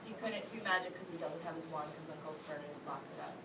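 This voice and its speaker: A woman with a low-sitting voice talks fast as an elementary school teacher, reading aloud to her class and prompting the children with questions. The recording sounds roomy and clearly noisy, picked up by a distant mic.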